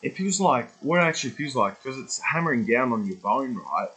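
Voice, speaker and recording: A man's voice: mid-range voice, big pitch swings, a little fast, bright, forceful tone, husky, low-quality recording. A man in his twenties rambling through a casual vlog monologue, swearing freely and losing his track. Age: 20s. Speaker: vlogger.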